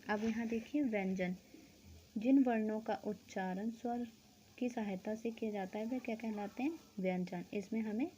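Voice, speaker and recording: A woman's voice: on the high side, normal speed, dark tone, a little hiss or hum. Woman teaching a grammar class. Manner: explains step by step, asks questions and answers them herself, keeps saying "theek hai". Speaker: school Hindi teacher.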